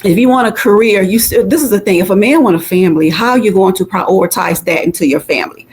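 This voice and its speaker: A woman's voice: medium pitch, fast talker. Blunt older woman, emphatic and exasperated. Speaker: panel speaker. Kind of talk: opinionated group discussion.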